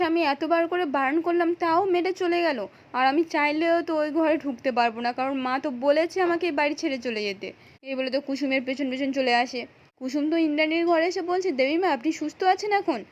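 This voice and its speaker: A woman narrating a recap of a TV serial, retelling scenes in her own voice and quoting each character's lines. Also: sits high.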